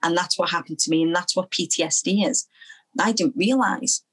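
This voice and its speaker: A young woman from Liverpool, speaking as an interview guest, earnest and halting, often repeating phrases as she recalls her past. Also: on the low side, fairly bright tone, husky, low-quality recording. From Liverpool, England. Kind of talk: personal testimony in an interview.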